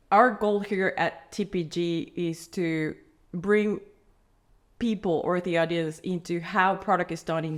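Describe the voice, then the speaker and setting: A woman hosting a podcast interview in person, framing her questions thoughtfully with many hesitations. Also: on the low side. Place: indoor room, in person with guest.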